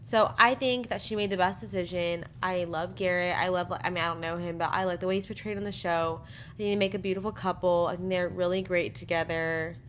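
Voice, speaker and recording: A woman's voice: on the low side, fairly even intonation, brisk, slight background noise. A young woman co-hosting a casual chat podcast, talking bluntly with lots of fillers and giggles. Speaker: podcast co-host. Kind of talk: casual chat about a reality dating show.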